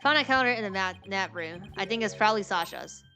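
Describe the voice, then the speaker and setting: Girl doing casual game commentary, bright voice, chatty, thinking out loud, music going behind her. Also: mid-range voice, expressive, quick pace. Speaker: gamer reading out and reacting to a visual novel. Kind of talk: casual game commentary mixed with reading dialogue aloud.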